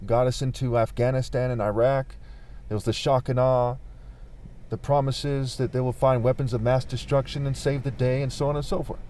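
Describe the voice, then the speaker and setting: A man's voice: mid-range voice, warm tone, slight background noise. A man giving an informal political monologue, argumentative, leaning on rhetorical questions and repeating his points. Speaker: political commentator.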